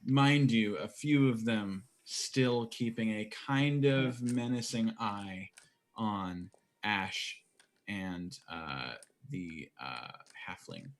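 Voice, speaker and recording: Male game master narrating the action. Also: on the low side. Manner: descriptive, measured storytelling.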